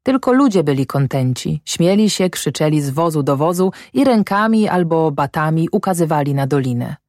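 A woman narrating an audiobook of a classic novel in a measured, even way. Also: sits low, no room sound, studio quality.

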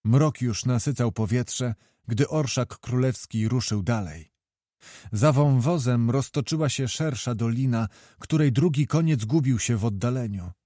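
A man narrating a historical novel in a measured, expressive storytelling voice. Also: medium pitch, no room sound, clean studio sound. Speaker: audiobook narrator.

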